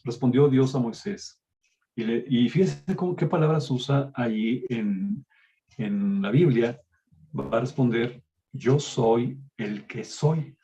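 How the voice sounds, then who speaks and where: Mexican man, Bible teacher on a video call, mellow voice, dull lo-fi audio. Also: medium pitch. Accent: Mexican Spanish. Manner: explanatory, addresses listeners as brothers. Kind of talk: online Bible class lecture.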